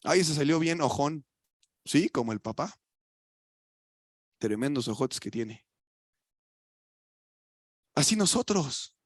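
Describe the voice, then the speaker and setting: A young man preaching with a Mexican Spanish accent, his voice pitched high for a man. He talks to the congregation in a casual, colloquial way, firing off rhetorical questions and dropping from loud emphatic lines into quiet asides. The sound is dry and close. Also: expressive, slow pace, pauses often, dry recording. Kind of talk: sermon. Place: church.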